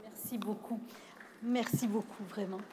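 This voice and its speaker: A woman moderating a panel discussion, measured and reflective, with some hesitant restarts. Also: mid-range voice, steady tone, mellow, slight background noise. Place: event hall. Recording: long reverb of a hall.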